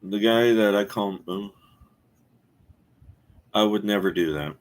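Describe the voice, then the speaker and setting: Rambling, halting man in his forties. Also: fairly low pitch. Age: 40s. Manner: rambling, halting with many fillers and restarts. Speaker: streamer host. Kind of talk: casual live-stream chat.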